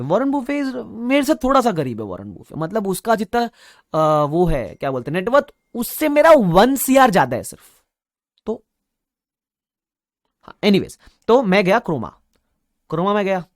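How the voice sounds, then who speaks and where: A young man teaching a live class, telling a playful story and acting out loud bits of dialogue. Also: high voice, very animated, moderate pace, pauses often, dry recording, studio quality. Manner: playful storytelling, acts out shopkeeper dialogue loudly. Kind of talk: live online class lecture.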